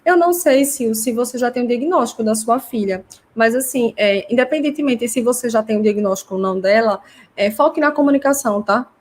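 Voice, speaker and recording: Casting note: woman, somewhat high voice, chatty live-class host answering viewers. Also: fairly quick. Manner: chatty, explanatory, reads comments aloud. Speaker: host teaching parents.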